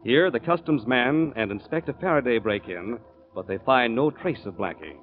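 A man narrating a recap as announcer of an old radio show, with a brisk and formal delivery. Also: mid-range voice, expressive, slight background noise. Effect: old radio show broadcast. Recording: tinny lo-fi vintage radio recording.

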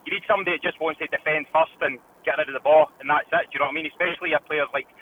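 A man's voice: a little high, steady tone, racing. A Scottish man calling in to a football radio show, opinionated and often saying "do you know what I mean". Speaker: caller. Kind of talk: casual phone-in chat. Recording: tinny phone line with faint noise.

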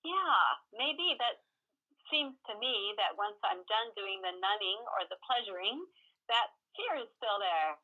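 A woman co-hosting a podcast over a low-quality remote stream, talking in a reflective way and searching for her words. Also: lively intonation, measured pace. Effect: low-quality remote stream audio. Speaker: podcast co-host. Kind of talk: casual conversational podcast chat. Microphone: remote call microphone, apart from co-host. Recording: dull lo-fi remote call line.

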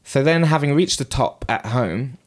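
A man co-hosting a podcast, telling a story in a relaxed, casual way with lots of ums and asides. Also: medium pitch, normal speed. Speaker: podcast co-host.

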